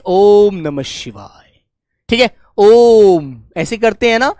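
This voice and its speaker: A man's voice: high-pitched, dry recording, studio quality. A man teaching an online class who keeps addressing his pupils as dear children and checks in with "okay" again and again. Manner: acts out loud calls to demonstrate.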